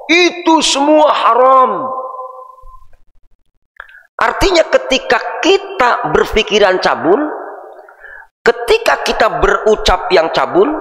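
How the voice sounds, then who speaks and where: A middle-aged man giving a lively dawn sermon in a mosque, often calling his listeners "Pak". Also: high-pitched. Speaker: preacher. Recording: echoey mosque hall.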